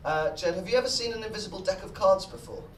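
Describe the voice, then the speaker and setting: A man's voice: high voice, fast talker. A man performing as a stage mind reader, commanding and intense with a wry, dry humour, delivering live magic show patter. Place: stage in a live venue with audience. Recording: noisy echoey live venue, distant mic.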